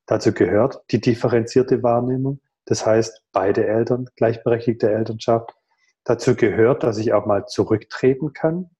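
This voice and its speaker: Man in his thirties on a video call, mellow and warm, thoughtful and earnest delivery with pauses. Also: medium pitch, muffled recording. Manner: thoughtful, earnest, rhetorical questions, many pauses. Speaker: guest in a video call conversation. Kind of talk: reflective conversational explanation. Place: home room.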